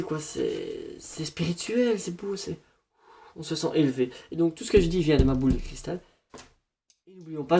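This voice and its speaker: Mellow man, mock fortune-teller. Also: on the high side. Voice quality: rambling, mock-solemn fortune-teller manner. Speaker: comedian. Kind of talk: parody horoscope reading.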